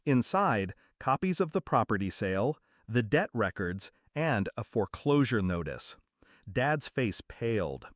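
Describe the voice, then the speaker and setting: A man reading a first-person story aloud in a measured, dramatic storytelling manner. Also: on the low side, big pitch swings, dry recording, studio quality. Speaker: story narrator.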